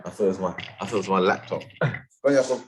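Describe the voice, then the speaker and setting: A man whose first language is Bengali teaching Quran recitation in a live class. He corrects students patiently and models words slowly. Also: low-pitched, slight background noise.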